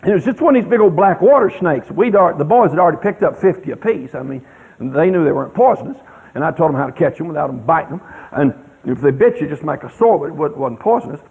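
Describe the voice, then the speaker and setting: A middle-aged man tells a folksy story to an audience in a rambling, animated drawl. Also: a little high, quick pace, gravelly, breathy edge. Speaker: speaker telling a story to an audience. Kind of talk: folksy anecdote telling. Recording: tinny radio broadcast.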